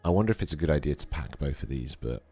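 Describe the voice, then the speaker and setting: A 3D artist streams a modeling session as a casual live tutorial, talking through his work in an extremely low voice made slightly hoarse by a cold. Relaxed and thinking aloud, he fills pauses with lots of ums and uhs. Faint background music plays as he speaks into a desk mic.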